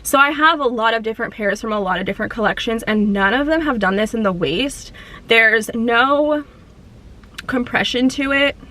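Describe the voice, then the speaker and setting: Talking directly to her viewers at a moderate pace, a young fitness vlogger sounds pushed and bright, her voice fairly high. She's casual and upbeat in this gym vlog, a bit breathless post-workout, and faint music can be heard in the background.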